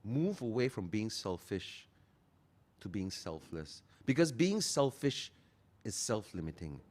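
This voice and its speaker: A man, talking earnestly as a guest and slowing down to stress his key phrases. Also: lowish voice, very animated, darkish tone. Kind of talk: motivational interview talk.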